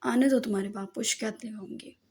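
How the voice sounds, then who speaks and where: A woman voicing an affectionate mother who gently scolds her son, in an audiobook novel. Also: fairly high pitch, fairly even intonation, a little fast, close to an everyday voice. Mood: scolding. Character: affectionate scolding mother, firm but kind.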